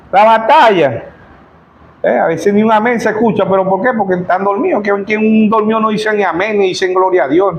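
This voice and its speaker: A man's voice: sits high, slight background noise, poor audio. A male pastor with a Zulia Venezuelan accent preaching a sermon in church, often asking the congregation to answer him. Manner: rhetorical call-and-response, keeps asking the congregation "yes or no".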